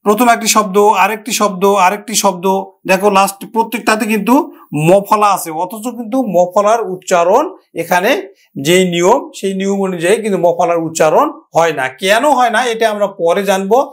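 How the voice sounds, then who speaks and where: A man teaching a pronunciation lesson, talking directly to students and repeating example words slowly. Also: high voice. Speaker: Bengali language teacher. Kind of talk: classroom-style grammar lesson.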